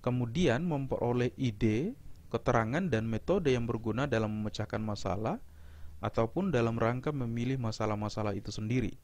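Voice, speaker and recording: A middle-aged male university lecturer with a mid-range, darkish voice explains things step by step. It is a measured recorded lecture, with small fillers and restarts.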